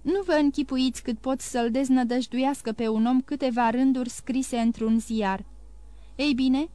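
Picture a young nobleman close to breaking, urgent and pleading, as a woman reads him aloud in a storybook. The voice sits fairly high and the recording is dry and close. He pushes his words out in a hurry. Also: fairly even intonation, warm tone, no echo, lightly acted. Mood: bitter. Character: young nobleman, distraught and hasty.

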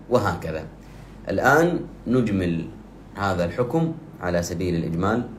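A man teaching Quran recitation rules, explaining slowly and chanting the example phrases in long drawn-out repetitions. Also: fairly low pitch. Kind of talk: tajweed lesson with recited examples. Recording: echoey room with faint ambient noise.

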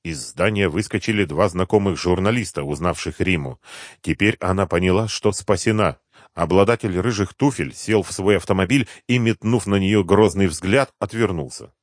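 A man narrating an audiobook in a steady, measured storytelling way, close to the mic. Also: low-pitched, dry recording. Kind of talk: scripted narration.

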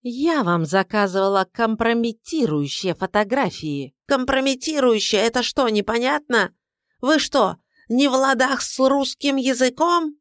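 In a close, dry audiobook reading, a woman voices a shrill, bossy middle-aged mother-in-law, pitched high above the narration. The character is furious, indignant and scheming, scolding in sharp, sing-song swings at normal speed and pushing hard at everyone.

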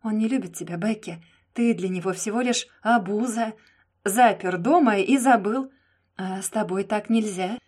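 Lady voicing a clingy jealous guy, husky, pushy and begging, audiobook style. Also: mid-range voice, moderate pace, darkish tone, close to an everyday voice. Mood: heated. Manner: pleading and insistent. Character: young man, jealous devoted friend. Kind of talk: audiobook reading.

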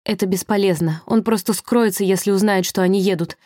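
A woman voicing a terrified young woman trapped in a locked room, shouting frantic pleas. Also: medium pitch, steady tone, brisk, no echo, studio quality, natural voice.

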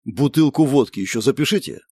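A man's voice: mid-range voice, expressive, brisk, darkish tone, husky, no room sound, clean studio sound. A man voicing a brash, cheeky young man who is hungry and fond of vodka.

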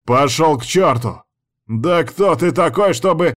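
A man's voice: medium pitch, big pitch swings, unhurried, vocal fry, darkish tone, voice pushed up. A man reading an audiobook, voicing a crude, aggressive male servant who mocks and shoves his way around. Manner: mocking and aggressive.

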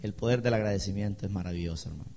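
A man preaching a sermon as a pastor, emphatic and rising loud when he quotes scripture. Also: fairly low pitch, rapid-fire, vocal fry, slight background noise.

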